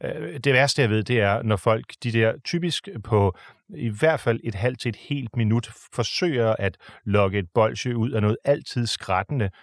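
A man's voice: mid-range voice, dry recording, studio quality. A man hosting a radio program, answering listener questions about opera in a chatty, opinionated way with frequent hesitations.

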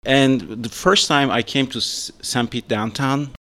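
A man with a Turkish accent, a restaurant owner and chef, talking about his career with frequent pauses and fillers. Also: mid-range voice, bright, forceful tone. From Turkey. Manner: hesitant, many fillers. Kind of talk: casual interview.

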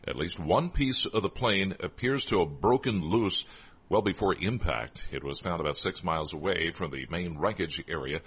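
A man anchors radio news in a low-pitched, slightly rough voice. He reads scripted headlines and hands over to colleagues in a professional broadcast style. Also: expressive, normal speed, fairly bright tone.

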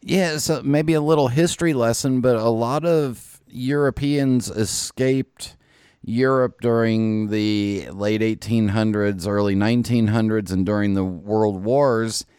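This southern U.S. podcast host speaks unhurriedly in a fairly low, fairly even voice that is smooth and a little mellow. He jokes, laughs easily and makes fun of himself during casual interview chats with guests. The studio-quality audio has no echo.

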